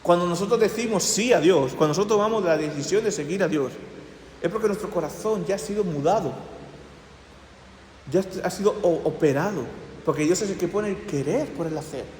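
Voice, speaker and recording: A pastor preaching with earnest conviction, his voice sitting a little high for a man. He sinks into hushed prayer tones, then lifts again to press a point. The sound rings through a roomy church hall with a long tail of reverb. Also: fairly quick, slight background noise. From Spain. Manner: earnest, drops to soft hushed prayer tones, rises when stressing points. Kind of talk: sermon. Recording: echoey church hall, slightly distant.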